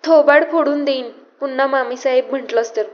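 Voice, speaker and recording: A woman's voice: high voice, fairly quick, close to an everyday voice. A woman reading as a firm, teasing queen mother. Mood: teasing, scolding. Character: commanding affectionate queen mother, older woman. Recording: slightly muffled lo-fi audiobook audio.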